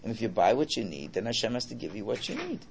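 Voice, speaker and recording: A man's voice: lowish voice, wildly swooping pitch, quick pace, creaky, slight background noise. A man giving an informal Torah lesson, repeating his points, posing rhetorical questions and checking in with "right?". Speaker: religious teacher. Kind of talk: informal Torah lesson, translating and explaining a text.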